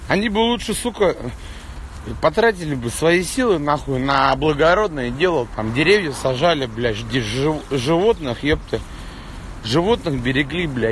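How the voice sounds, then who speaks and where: Holding his phone at arm's length on a noisy city street full of traffic, a thirty-something man chats on a walking livestream, ranting and cursing nonstop like a tough street thug. His voice is mid-range.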